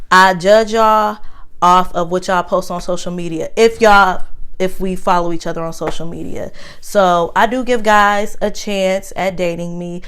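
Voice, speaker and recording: A woman's voice: mid-range voice, clean tone. A young woman in a casual question-and-answer vlog, talking bluntly and emphatically straight to her viewers and swearing freely. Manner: addresses viewers directly as y'all. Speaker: YouTuber.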